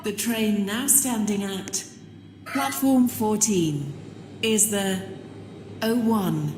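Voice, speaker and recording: Slow woman's station platform announcement. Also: medium pitch, darkish tone, long reverb tail, soft background music. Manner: slow, measured automated announcing. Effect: station public-address announcement.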